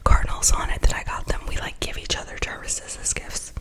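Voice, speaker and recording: A woman whispering an ASMR unboxing and chat in a soft, breathy, soothing voice, repeating words and phrases. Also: fairly quick. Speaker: ASMR creator and host.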